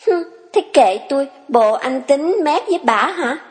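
A woman's voice: high voice, lively intonation, a little mellow, long reverb tail, pitched above the performer's own voice. A woman playing a sassy young farm girl. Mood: irritated. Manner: teasing, quick-tempered scolding. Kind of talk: audio drama reading.

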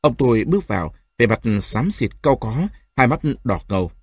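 A man narrating a novel in an expressive audiobook reading. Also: medium pitch, normal speed, breathy edge, dry recording, studio quality. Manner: expressive storytelling.

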